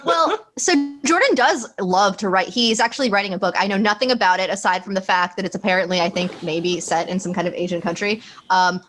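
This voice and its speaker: A woman's voice: mid-range voice, a little fast, few pauses, a bit bright. A woman in her twenties, a guest on a casual podcast, chatty and giggly. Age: 20s. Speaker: podcast guest, tabletop game player.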